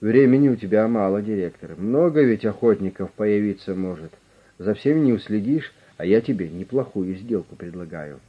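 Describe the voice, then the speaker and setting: A man voicing a steady, pushy negotiator. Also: fairly low pitch, moderate pace, breathy edge. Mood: insistent. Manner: steady, insistent, persuasive. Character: calm, pushy male negotiator with an official manner. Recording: dull lo-fi recording.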